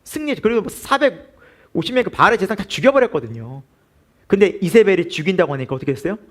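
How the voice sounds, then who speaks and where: A man preaching in a church with a high, lively voice that climbs and falls across every phrase. He keeps asking the congregation questions and answering them himself. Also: fast. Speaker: pastor. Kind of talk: sermon.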